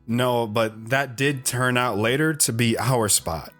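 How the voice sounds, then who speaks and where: A man plays a shy, hesitant wanderer narrating his own story in an audio drama, acting as both narrator and guest. His medium-pitched voice takes things slowly and sounds reflective, with soft guitar underneath.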